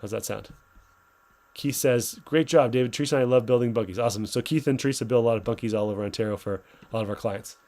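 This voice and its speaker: A man with a mid-pitched voice hosts a live giveaway announcement with upbeat sales chat. He talks casually and unscripted, reading out comments from viewers and replying to them as he goes. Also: fast talker, mellow. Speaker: business owner hosting a livestream giveaway.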